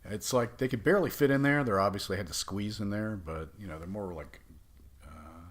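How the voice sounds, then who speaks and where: Deep-voiced man running a tabletop game. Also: a little fast, breathy edge. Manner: laid-back, chuckling, thinking aloud. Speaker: game master.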